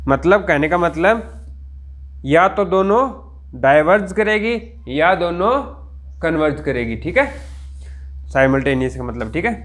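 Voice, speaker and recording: A male teacher works through a math lecture at a very slow, deliberate pace. His voice sits slightly higher than most men's, and he keeps stopping to ask whether the class has understood. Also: lively intonation, a bit bright. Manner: slow, drawn-out dictation with frequent check-ins.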